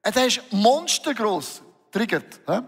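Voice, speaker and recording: A man preaching a sermon, lively and emotional, acting out dialogues with Jesus. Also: high voice, slow pace, slightly rough. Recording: reverberant hall.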